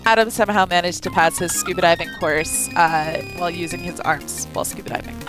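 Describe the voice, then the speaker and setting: A woman's voice: lowish voice, a little fast, rough recording. A young woman who sounds sleep-deprived, streaming a game with casual commentary, reading aloud and adding wry, playful asides. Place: indoor room. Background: game music.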